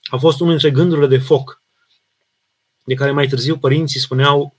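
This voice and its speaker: A Romanian priest answering viewers' questions in a live sermon, earnest and emphatic, with frequent restarts and fillers. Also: male voice, a little high, fairly even intonation. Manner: reads out viewer questions and answers them plainly.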